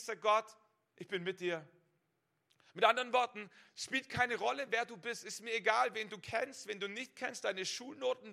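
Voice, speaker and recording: A male preacher with a high, gravelly voice and a sharp, forceful tone addresses his listeners directly in a sermon. He piles up rhetorical "what if" questions one after another and frequently doubles the first word when restarting a phrase.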